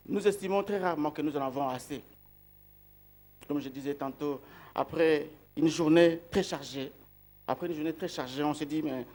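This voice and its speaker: A preacher who grew up outside Belgium delivers a sermon slowly and deliberately, repeating key words and putting rhetorical questions to his listeners. His voice is on the high side.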